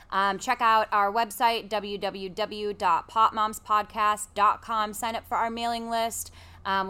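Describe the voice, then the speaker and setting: Woman podcast co-host, loud and bubbly, casual quiz chat, bright tone. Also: mid-range voice, clear, resonant tone.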